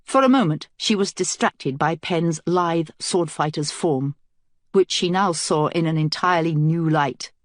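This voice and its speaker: A woman with a low voice reads an audiobook aloud in an even, measured way. Her voice is dry and close, with no room around it. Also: dry recording. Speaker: audiobook narrator. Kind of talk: scripted narration.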